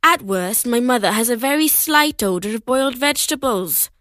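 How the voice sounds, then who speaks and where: A woman's voice: a little high, lively intonation, moderate pace, fairly bright tone, no echo, studio quality. A woman reading aloud and voicing a tired, grumbling father who mutters corrections. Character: weary grumbling father, a bit pompous.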